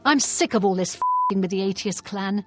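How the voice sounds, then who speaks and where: A woman's voice: medium pitch, normal speed, music in the background, natural voice. A woman voicing an opinionated townswoman in a fantasy game, in scripted dialogue. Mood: griping.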